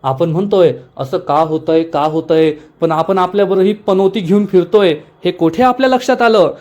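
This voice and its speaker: Scornful domineering woman boss, read by a man, high voice, scolding. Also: normal speed, a little mellow, natural voice. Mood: angry scolding. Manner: angry, scolding, taunting.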